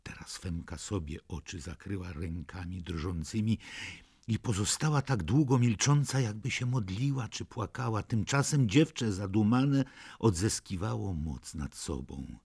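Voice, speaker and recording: A man narrating a classic novel as an audiobook, with a gravelly, husky voice and a measured, dramatic reading. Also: on the low side, animated, a little mellow.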